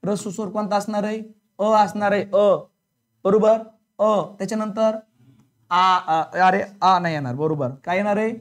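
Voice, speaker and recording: With a high-pitched, steady voice at a moderate pace, a male teacher runs his class through a call-and-response grammar exercise. Each question gets repeated to the room until the students answer. His blunt, colloquial delivery occasionally takes on the scolding tone of a strict coaching-class teacher.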